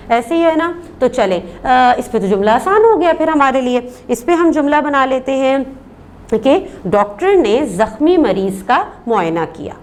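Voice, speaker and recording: A woman's voice: sits high, a little hiss or hum. A woman teaching a primary class, patient, repeating words for the children and asking questions she answers herself. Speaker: primary school Urdu teacher. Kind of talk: recorded remote lesson.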